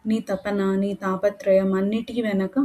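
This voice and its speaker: A woman voicing a gentle young man in love who talks softly, teasing and reassuring, in a storybook reading. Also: medium pitch, flat delivery, unhurried, lightly acted.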